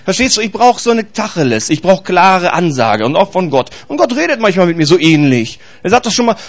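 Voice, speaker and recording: A man preaches in a relaxed, street-slang way, far from a formal pulpit tone. His voice sits high for a man, and he keeps dropping into small acted-out scenes and impressions to drive his points home. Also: fairly quick, highs cut off. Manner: animated, acts out little scenes and voices. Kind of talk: casual slangy sermon.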